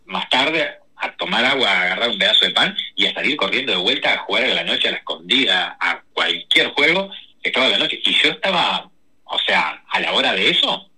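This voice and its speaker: A man, a guest telling personal stories in a lively, slangy way with many restarts. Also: lowish voice, husky, poor audio. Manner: animated, rushes through stories with slang and restarts. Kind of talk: casual personal storytelling.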